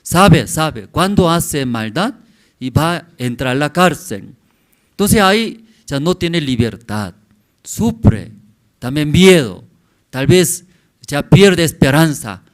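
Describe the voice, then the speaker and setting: Slow, lively-voiced male pastor preaching. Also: a little high. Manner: halting simple phrasing with frequent questioning "mm?" tags to the congregation. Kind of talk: sermon. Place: church.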